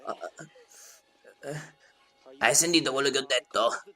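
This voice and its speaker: A man's voice: mid-range voice, unhurried, sharp tone, faint music behind, voice pushed down. A man with a Sicilian accent playing a crude, hot-tempered young bully in a comic dialect film dub. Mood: threatening. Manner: swaggering, swearing, aggressive.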